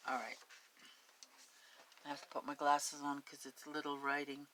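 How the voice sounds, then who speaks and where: A woman's voice: deep voice, little pitch movement, normal speed, background noise. A woman with a Spanish accent reading a story aloud, stopping for chatty, homey asides. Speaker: story reader.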